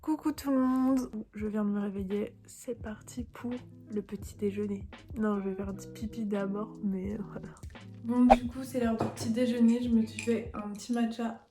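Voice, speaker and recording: A woman's voice: on the high side, little pitch movement, moderate pace. A young woman chatting casually at home in a vlog, upbeat and full of fillers. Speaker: vlogger. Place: home rooms, indoors. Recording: loud background music.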